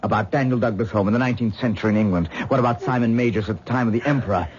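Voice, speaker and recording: In a 1970s radio drama, an actor with a low voice plays an intense, earnest man lecturing his wife on astral projection. He speaks very fast and is lightly acted, rapt, dreamy and gently condescending. The broadcast sounds muffled and old, with faint hiss.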